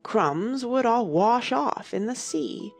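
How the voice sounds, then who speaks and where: A woman voicing a sorrowful, drowsy male Mock Turtle who speaks slowly and takes offence easily, in a dramatized audiobook. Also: on the high side, expressive, creaky, soft background music, exaggerated voice. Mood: musing. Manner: slow, touchy, pedantic.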